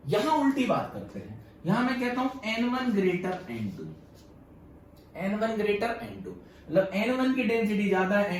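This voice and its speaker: A man lectures his class with a high, sing-song voice that rises and falls all the way through, and he often stops to ask his students if they follow. He sounds far from the mic in a strongly echoing room, with faint room noise under him. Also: a little mellow. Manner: mixes Hindi and English, keeps asking students "yes or no?". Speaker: physics teacher.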